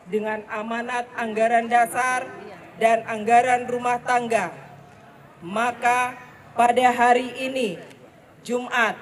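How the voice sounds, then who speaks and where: Woman reading a formal ceremony text, slowish, big echoey hall, kinda distant. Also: a little high. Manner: measured, phrase by phrase. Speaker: official leading an inauguration. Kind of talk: formal ceremonial read-out speech.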